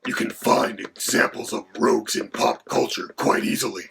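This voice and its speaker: A haughty, hungry male dragon, voiced by a man, speaking low in a rough, creaky, breathy rasp. He delivers facts in a lofty, deadpan way. The recording carries a steady hiss of background noise. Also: moderate pace. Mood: lecturing. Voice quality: gravelly, creaky, partly whispered. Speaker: co-host.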